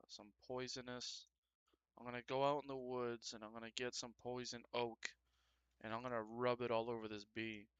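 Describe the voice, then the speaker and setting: A man's voice: medium pitch, bright, forceful tone, clean tone, no room sound, highs cut off. A man live-streaming as he sculpts, chatting casually and trading crude jokes with his viewers while he works. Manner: joking, crude banter with chat; talks while working.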